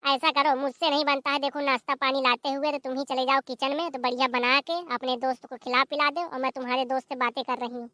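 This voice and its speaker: A sharp-tongued village wife from a cartoon comedy, voiced by a performer, bossy and quick to talk back. The voice is very high and piercing, recorded close and dry. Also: level tone, no echo. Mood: snappy. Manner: snappy, bossy retorts. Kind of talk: animated comedy voice acting.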